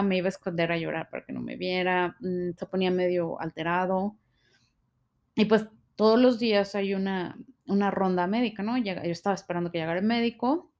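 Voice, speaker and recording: A woman's voice: medium pitch, a little mellow. A woman with a Mexican Spanish accent tells a personal story with emotion, full of fillers and tag questions.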